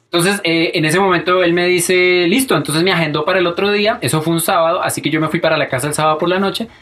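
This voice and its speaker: A man's voice: fairly high pitch, fairly even intonation, fast talker, a bit bright. A young man casually tells a personal story to the camera and animatedly acts out the people he quotes. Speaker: vlogger telling a personal story. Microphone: webcam or phone camera.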